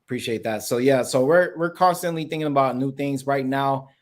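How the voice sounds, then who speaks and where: A man on a video call answers questions in a relaxed way. His voice has a mid pitch and comes through a connection that drops out now and then. He often stops partway through a phrase and starts it again. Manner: halting, restarts phrases with many fillers. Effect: video call audio with dropouts. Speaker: guest, founder of a collectibles project. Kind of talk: casual interview answers.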